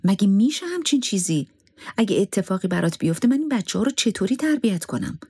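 Man pitching up for a worried young wife in a story reading, pleading, raspy underneath. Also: sing-song, darkish tone, no echo, studio quality, full character voice. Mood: upset. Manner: pleading, fearful. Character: anxious young wife and mother.

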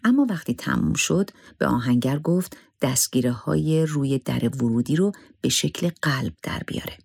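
Solemn male story narrator, gravelly, husky, dry close mic, at times whispering. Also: medium pitch, dry recording. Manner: measured, solemn, sometimes dropping to a hushed whisper.

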